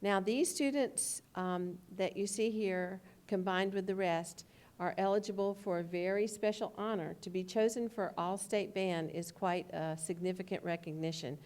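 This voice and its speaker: A woman's voice: mid-range voice, a little mellow. A woman, presenting student awards at a school board meeting and reading names carefully. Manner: measured, careful name reading.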